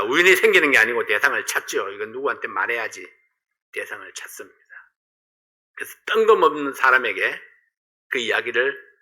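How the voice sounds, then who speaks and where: Pastor guy preaching, super bright voice, keeps asking the crowd questions, goes loud then quiet. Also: mid-range voice. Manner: rhetorical questions, swings between loud emphasis and hushed asides. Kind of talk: sermon.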